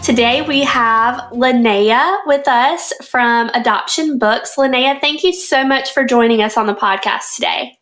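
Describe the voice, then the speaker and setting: Bright, upbeat woman podcast host. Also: fairly high pitch, measured pace, soft background music. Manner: upbeat, enthusiastic. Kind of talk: casual podcast chat.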